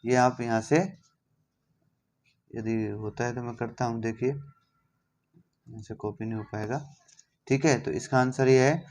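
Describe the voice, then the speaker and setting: Slow, patient male teacher. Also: mid-range voice, steady tone, darkish tone, slight background noise. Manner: slow, patient, reads a word then explains it. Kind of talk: explaining a lesson.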